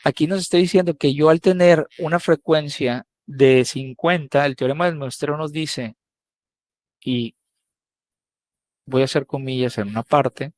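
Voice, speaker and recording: A man's voice: fairly high pitch, measured pace, darkish tone, dry recording. A man teaching a live online coding lesson, casual and checking in with students often.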